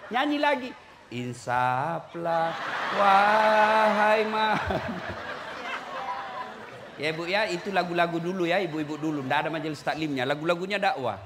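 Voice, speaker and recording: A man preaching a lively sermon, teasing and shouting at the crowd. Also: sits high, fast, hardly any pauses, noisy background. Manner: teasing, shouting and singing to the audience. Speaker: Islamic preacher. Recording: echoey hall with faint ambience.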